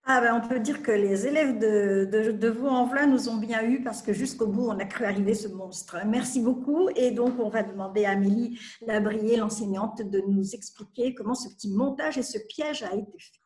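A woman's voice: fairly high pitch, normal speed, few pauses, a little mellow. Middle-aged woman hosting, roomy sound. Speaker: host of an online award ceremony. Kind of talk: spontaneous presenting. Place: indoors, in front of display banners. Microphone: video call at some distance. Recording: roomy video-call audio.

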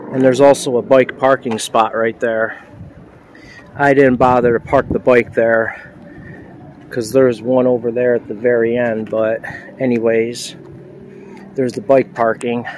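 A man in his thirties talks his way through an outdoor walking tour, chatty and pointing things out as he goes. His voice sits mid-pitch and stays fairly even, with little rise and fall. Faint street noise hangs behind the handheld phone recording. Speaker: vlogger. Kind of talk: casual walking tour narration. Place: outdoors at a town train station plaza.

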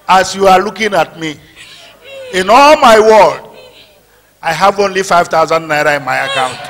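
A man's voice: high voice, a bit bright, a little hiss or hum, heavily acted. An actor playing a desperate, jobless husband and father who begs and exclaims in a stage drama. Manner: begging, exclaiming, then domineering. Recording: stage hall reverb.

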